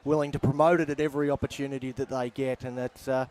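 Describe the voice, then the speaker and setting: A man with an Australian accent calling a football game outdoors, measured and wry, with plenty of pauses. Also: medium pitch, level tone, darkish tone. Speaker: play-by-play commentator. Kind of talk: sports commentary wrap-up. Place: outdoor sports ground.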